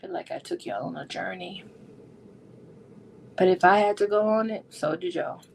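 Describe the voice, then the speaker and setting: Her voice is fairly low and creaky, at a moderate pace, with a little hiss or hum in the background. A book vlogger hosting a readalong discussion, she gives a chatty, casual recap in a sassy, playful, slangy way, acting out lines from the characters.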